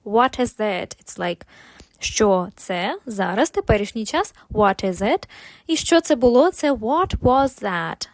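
A woman teaching English phrases, saying each one slowly and clearly, then repeating it with expressive intonation. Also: medium pitch, dry recording. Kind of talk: slow phrase drills with Ukrainian translations.

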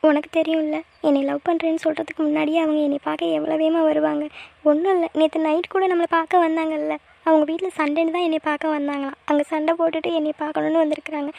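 A woman voicing an upset, fast-talking college girl. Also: high-pitched, creaky, a little mellow. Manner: emotional, pleading. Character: tearful young female college student. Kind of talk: cartoon voice acting.

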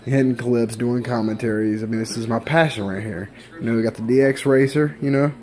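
A gaming YouTuber in his thirties chats casually from his indoor bedroom gaming setup into a desktop USB mic, sounding slightly sick. His mid-range voice is a little mellow and a bit fast with fairly even intonation, and he's laid-back and tends to repeat himself.

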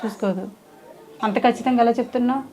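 A woman hosting an interview, coaxing a child with soft, repeated questions. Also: a little high, steady tone, fast talker. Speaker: host. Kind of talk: casual interview.

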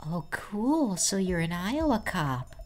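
With a voice changer making him sound like a young woman, a man who baits scammers online plays a sweet, hesitant caller, stumbling through ums and stammers. This full character voice sits high above his natural range, with big pitch swings and a slow pace, over slight background noise.

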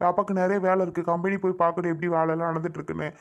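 An impatient father, played by a man, keeps lecturing his small daughter in rapid, irritated talk. He threatens her more and more as his patience wears thin. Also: high voice, flat delivery, gravelly, dull audio. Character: stern, impatient young father.

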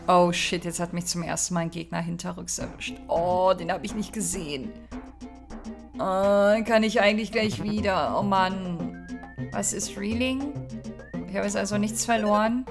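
A woman's voice: medium pitch, fairly even intonation, normal speed, over music. A woman hosting a let's play, chatting casually and reacting to the game with mock exasperation. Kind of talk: casual gameplay commentary.

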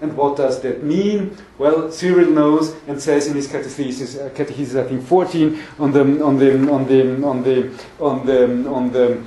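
A man's voice: medium pitch, fairly even intonation, normal speed, hardly any pauses, mellow. A man in his forties giving a scholarly seminar lecture, hesitant and often repeating words as he searches for phrasing. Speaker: academic lecturer. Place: meeting room with conference table, indoors. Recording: echoey room, mic at a distance.

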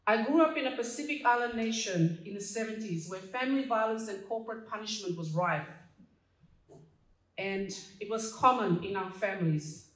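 In a small, dark hall, a community association president from Fiji, in her fifties, speaks from notes at a stand mic, her personal speech sprinkled with humor she laughs at herself. Her voice is mid-range, a bit bright, at a moderate pace. Recorded from afar, the audio has a roomy hall quality.

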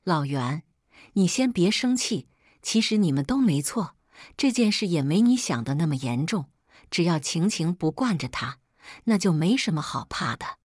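A woman voicing a calm middle-aged father who soothes his family in a story. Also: on the low side, normal speed, no room sound, clean studio sound. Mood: soothing. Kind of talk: scripted story narration.

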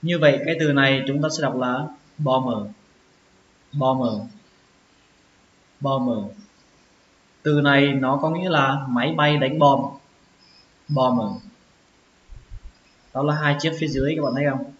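A man giving a pronunciation lesson, sounding out each word slowly and repeating it several times. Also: mid-range voice, steady tone. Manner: slow, drawn-out repetition of words. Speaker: English teacher. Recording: echoey, dull lo-fi with faint hiss.

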